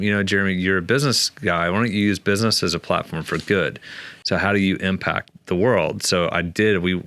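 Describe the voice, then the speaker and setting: Brief: very low, resonant male guest, dry close sound, chatty storyteller who restarts his sentences. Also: no echo. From Oklahoma, USA. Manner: animated, many restarts and fillers. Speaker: author and guest. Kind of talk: conversational storytelling interview.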